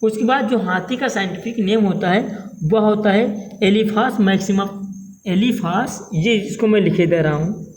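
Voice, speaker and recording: A man's voice: sits high, measured pace, a little mellow, poor audio. A man teaching exam-prep current affairs as a lecture, repeating each question and tagging lines with "theek hai", in a North Indian Hindi accent.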